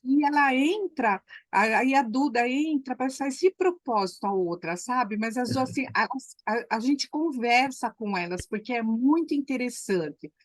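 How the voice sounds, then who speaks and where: A woman speaks in a fairly high voice. She tells her story effusively and leans on repeated words for emphasis. The sound is dry and close, with no room echo. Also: expressive, unhurried, hardly any pauses. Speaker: class participant. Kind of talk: emotional storytelling on a call.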